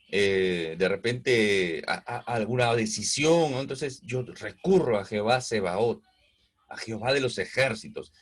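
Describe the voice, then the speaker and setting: A man with a Peruvian Spanish accent teaches from scripture in a patient, conversational way. His voice sits at an ordinary middle pitch, and he often pauses on fillers and checks in with his listeners. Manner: explains slowly with many fillers and "¿no?" checks. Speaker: preacher. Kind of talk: bible teaching.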